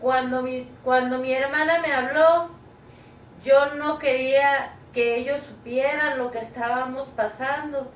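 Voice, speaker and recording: A woman's voice: high-pitched, steady tone, measured pace. A middle-aged woman gives a personal religious testimony to her church, earnest and tearful, speaking to her listeners as brothers and sisters. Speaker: church member giving testimony. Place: living room at home. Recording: roomy, distant mic, faint background noise.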